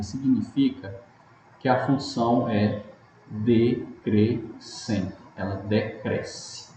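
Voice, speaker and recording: A man's voice: medium pitch, warm tone. Patient male math teacher, echoey room. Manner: patient, step-by-step, often checks in with "tá bom?". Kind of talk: recorded online math lesson. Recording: echoey, dull, lightly noisy room audio.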